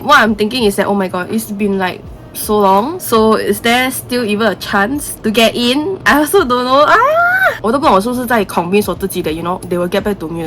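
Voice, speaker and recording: Woman, young adult, Singaporean accent, Singlish, casual vlog chat, mixes English and Mandarin, mid-pitched, noisy ambience. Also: fairly bright tone. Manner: Singlish phrasing with lah and hor, switching between English and Mandarin. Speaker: vlogger.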